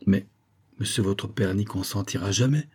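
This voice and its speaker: A man voicing an anxious young gentleman suitor who speaks in a measured, tense, hushed way. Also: fairly low pitch, husky. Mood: uneasy.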